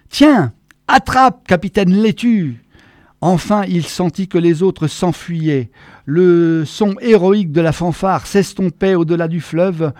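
A man reading a story aloud in a measured, expressive storytelling manner. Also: high voice, no room sound, studio quality. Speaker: narrator.

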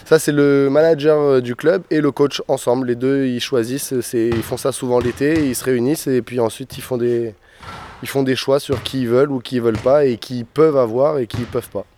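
Fast-talking young basketball player. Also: male voice, medium pitch, steady tone, dark tone, slight background noise. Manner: quick, chatty. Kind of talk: interview answers.

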